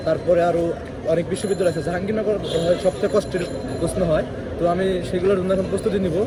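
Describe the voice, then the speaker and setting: A young man from Bangladesh rattles off a walking vlog in a slightly high voice, chatty and self-deprecating as he talks straight to his viewers. He is recorded on a phone outdoors, with loud city traffic noise all around. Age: young adult. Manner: chatty, self-mocking, addresses viewers as guys. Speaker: vlogger. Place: outdoors on busy city streets and campus.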